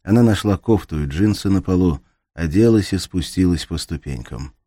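Very deep-voiced male audiobook narrator. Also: lively intonation, moderate pace, dark tone, dry recording, studio quality. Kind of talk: scripted narration.

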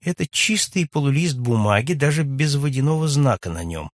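A man's voice: medium pitch, expressive, normal speed, dry recording, studio quality, pitched above the performer's own voice, lightly acted. A man doing a precise, reasoning detective. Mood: measured. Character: keen, reasoning male detective, measured and exact.

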